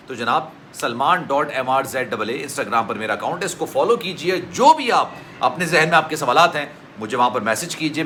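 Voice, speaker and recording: A man's voice: a little high, pushed and bright, slight background noise. A man from Pakistan, hosting a news vlog and talking earnestly and formally, often addressing the viewer as "sir". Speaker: news vlogger. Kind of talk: news commentary monologue.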